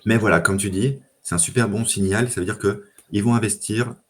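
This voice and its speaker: Man, very low voice, easygoing tech podcast guest, lots of "euh". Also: fairly quick. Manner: relaxed, many fillers and restarts. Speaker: data engineer guest. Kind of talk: casual tech chat.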